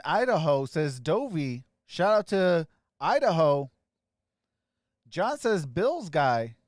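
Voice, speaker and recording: A man's voice: sits high, no echo. Upbeat man reading chat, dry mic. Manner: upbeat, greets viewers by name and gives shout-outs. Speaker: live stream host. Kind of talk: casual live chat reading viewer comments.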